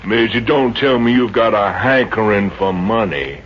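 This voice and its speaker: A man's voice: on the low side, moderate pace, natural voice. A man playing a boastful, folksy middle-aged Texas oilman with a Texan drawl in a 1950s radio comedy. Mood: boastful, coaxing. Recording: muffled, noisy old radio recording.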